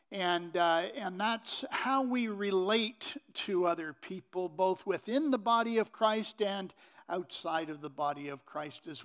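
A middle-aged man preaching from a pulpit in a church sanctuary, unhurried and halting with many fillers. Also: high voice, a bit bright. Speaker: pastor. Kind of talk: sermon.

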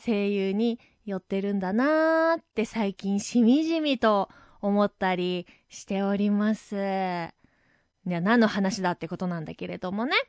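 A woman hosting her own web radio show, talking casually and reflectively, thinking aloud with soft asides. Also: mid-range voice, normal speed, no room sound, clean studio sound. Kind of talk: casual solo radio talk. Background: background music.

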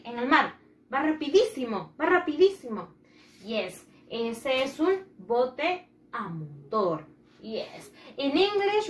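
A woman's voice: high voice, a bit bright, roomy sound. A woman teaching young children English, patiently repeating each phrase in English and then in Spanish and leading repeat-after-me drills. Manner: leads call-and-repeat drills. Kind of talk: bilingual children's English lesson.

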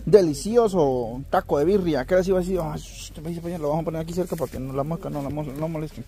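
High-voiced joking Guatemalan man. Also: quick pace, warm tone. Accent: Guatemalan Spanish. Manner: joking, chatty, addresses viewers. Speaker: vlogger, taco seller. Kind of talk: casual chat.

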